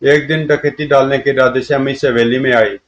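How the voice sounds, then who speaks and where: A brutal bandit chief who gloats over his schemes and snarls threats, as a male narrator puts him on. The audio is dull and lo-fi, with a voice of middling pitch. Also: fairly even intonation, moderate pace, natural voice. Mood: recounting.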